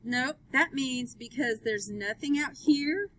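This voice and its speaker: A woman's voice: sits high, slow, bright, forceful tone, rough recording. A woman teaching a math class, upbeat, asking students question after question as she works through graphs. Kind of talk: live classroom lesson.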